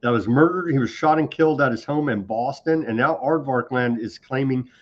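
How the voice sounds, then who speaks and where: Here a man hosts a political commentary show, sounding sarcastic and conversational as he talks a little quickly in a mid-range voice. The audio is dull and lo-fi.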